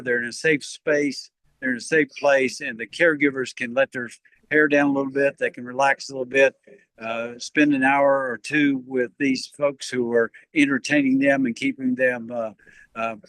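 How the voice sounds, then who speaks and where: A man speaks as a guest in a live-stream interview, explaining things at a steady pace with frequent "uh" fillers. His voice sits in the middle range for a man. The sound is dry and close. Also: medium pitch, normal speed, no echo, rough recording.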